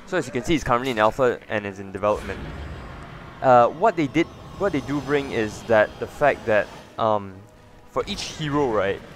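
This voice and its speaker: A man hosting a casual gaming video, chatting loosely with lots of fillers and restarts. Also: medium pitch. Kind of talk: casual gameplay commentary.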